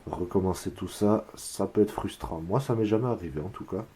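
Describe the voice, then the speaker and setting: A man from France calmly explaining a craft step by step, counting his braiding moves aloud as he works. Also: low-pitched, fairly quick, a little hiss or hum. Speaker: whip-making instructor.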